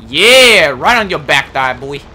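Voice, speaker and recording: Excitable young man with lively pitch. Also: moderate pace. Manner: excitable, swears and jokes, talks to the game horse. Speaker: gameplay streamer. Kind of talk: casual let's play commentary. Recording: game music loud behind the voice. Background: video game music and sounds.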